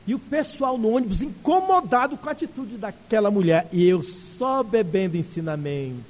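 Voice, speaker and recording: A man with a Brazilian Portuguese accent giving a spiritist lecture and telling a story with animated humor. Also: sits high, moderate pace. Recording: echoey hall.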